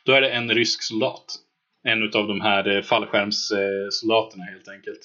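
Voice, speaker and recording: A man running a tabletop game as game master, narrating scenes in a relaxed way with many filler words. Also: fairly low pitch. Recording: dull lo-fi mic.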